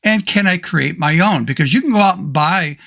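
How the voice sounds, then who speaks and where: A man with a hoarse voice, casually talking through a photo editing tutorial step by step. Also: high-pitched, animated, fairly quick, bright, forceful tone. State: hoarse, losing his voice. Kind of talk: screen-recorded software tutorial.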